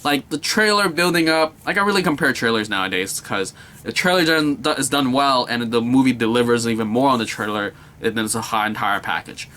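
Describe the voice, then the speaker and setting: A young man at a middling pitch chats through a movie review in a loose, excited way. He rambles, circles back to repeat his praise, and leans hard on filler words as he goes. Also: fairly quick. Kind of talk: casual video movie review.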